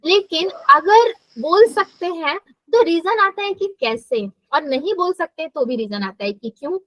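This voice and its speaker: A young woman teaches a live math lesson in a high, bright-pitched voice. The sound is close and dry. She slips English terms into her explanations and keeps asking the students questions. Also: animated, unhurried, dry recording, low-quality recording. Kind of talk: live online class lecture.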